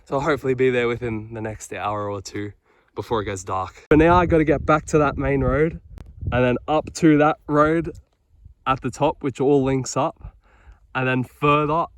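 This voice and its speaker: An Australian man chatting casually to camera outdoors on a camping trip, easygoing and rambling with loose, trailing sentences. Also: mid-range voice. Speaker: vlogger on a four-wheel-drive camping trip. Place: outdoors in the bush.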